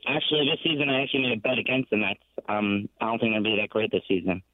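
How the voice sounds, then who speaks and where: A man's voice: fairly low pitch, very fast, dry recording. Man calling in over a tinny phone line. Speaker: radio show caller. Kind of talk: calling in to a sports talk show.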